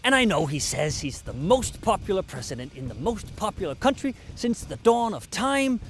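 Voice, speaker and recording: Faint music plays behind a Danish man, a native speaker with a Danish accent, as he gives a scripted, dry, sarcastic and mock-polite comedic address to camera. His high voice has a sing-song lilt at a normal speed.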